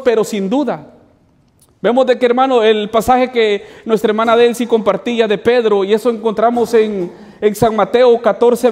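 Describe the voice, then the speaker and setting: Male pastor, high pitched, sermon delivery with lots of rhetorical questions, long reverb of a church hall. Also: darkish tone. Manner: preaching with repeated "hermanos" asides and rhetorical questions.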